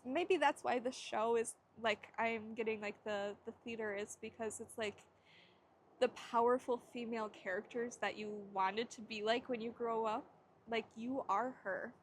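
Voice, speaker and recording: A woman's voice: a little high, slight background noise. A young adult woman giving a casual tarot reading to camera. She rambles and searches for words, with frequent laughs. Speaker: tarot reader.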